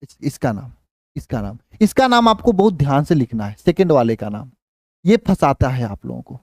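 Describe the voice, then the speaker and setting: A man teaching a chemistry class in Hindi. He counts aloud slowly, asks questions and repeats the answers, and his voice rises higher and louder when he stresses a point. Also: very animated, no echo, clean studio sound. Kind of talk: live online class teaching.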